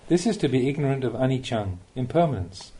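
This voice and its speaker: In this audiobook of a spiritual talk, a man reads Buddhist teachings aloud with a soft, mellow tone. His pitch rises and falls in an animated way while his delivery stays measured, like a teacher's.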